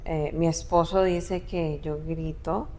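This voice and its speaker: A young adult woman talking casually with her mother, often pausing and restarting as she searches for words. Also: deep voice, fairly even intonation, dark tone, slight background noise. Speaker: guest, adult daughter. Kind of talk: casual podcast conversation.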